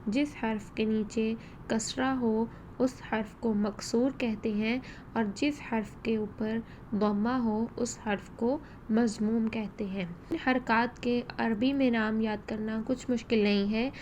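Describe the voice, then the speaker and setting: A woman's voice: a little high, steady tone, darkish tone, a little hiss or hum. A woman teaching careful pronunciation. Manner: slow, careful demonstration of vowel sounds. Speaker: Quran recitation teacher. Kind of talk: tajweed lesson.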